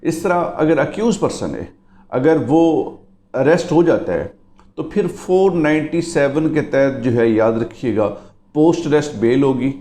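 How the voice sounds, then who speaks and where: A man's voice: a little high, expressive, unhurried, dark tone, reverberant. A male lawyer gives a lecture on the law, explaining it step by step and often telling listeners to remember each point. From Pakistan. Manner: explanatory, keeps repeating "remember". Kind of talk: legal lecture.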